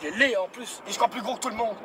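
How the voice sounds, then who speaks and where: A man putting on a crude, hot-headed character who swears and yells insults at other drivers, in a moving car. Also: high voice, rapid-fire, natural voice. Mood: ranting. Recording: car and road noise.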